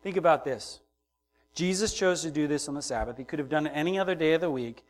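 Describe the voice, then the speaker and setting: A man's voice: on the high side, quick pace. Impassioned male preacher, rising and falling. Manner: builds from hushed to loud and emphatic, acts out voices. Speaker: pastor. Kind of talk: sermon.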